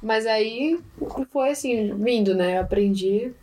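A young woman from Brazil, a guest in a casual interview who talks in a chatty, playful way with quick asides. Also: a little high, background noise.

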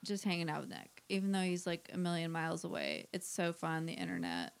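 A woman's voice: lowish voice, very animated, a little fast, vocal fry. A woman co-hosting a podcast in casual chat, bubbly and giggly, often talking over her co-host.

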